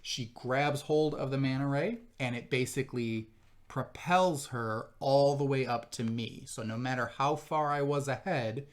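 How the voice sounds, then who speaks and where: A man's voice: mid-range voice, unhurried. A man hosting a board game playthrough, patiently explaining the rules step by step to viewers and his co-player.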